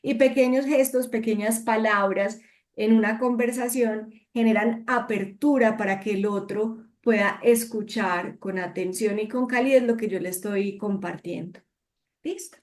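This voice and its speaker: A woman speaker closing a communication workshop, explaining calmly and addressing the audience in an instructive way. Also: mid-range voice, a little slow.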